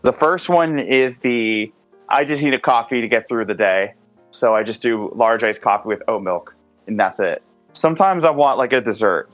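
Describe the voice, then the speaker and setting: A man in his twenties from Greater Boston, a singer-songwriter guest talking casually in an unhurried, easygoing way. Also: mid-range voice, no echo, faint music behind. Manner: relaxed, unhurried, drawn-out explanations with fillers. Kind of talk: casual interview chat.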